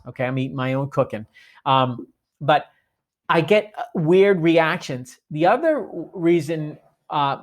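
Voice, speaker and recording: A man from Boston with a Boston accent, giving an instructional training talk on communication in a lively, demonstrative way. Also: fairly high pitch. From Boston, United States. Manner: lively, demonstrative, often slows for emphasis.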